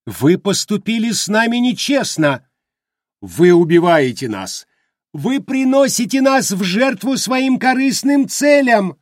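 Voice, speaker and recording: A man voicing an anguished captive man who shouts accusations in a strained, husky voice. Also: high-pitched, sing-song, a little slow, dry recording, studio quality, voice pushed up.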